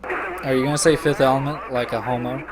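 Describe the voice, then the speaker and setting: A man's voice: medium pitch, little pitch movement, fairly quick, a crowd in the background. A man hosting a let's play, joking and rambling crudely with his co-commentator over the game. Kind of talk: casual commentary over gameplay.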